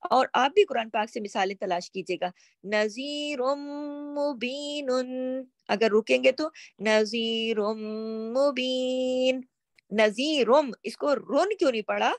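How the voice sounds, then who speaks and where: A woman's voice: fairly high pitch, a little fast, creaky, no room sound. A woman teaching Quran recitation rules, stretching out example words and then explaining them.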